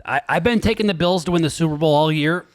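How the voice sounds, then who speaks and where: A man co-hosting a casual sports betting show, loud and jokey. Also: on the high side, quick pace. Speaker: sports betting podcast co-host.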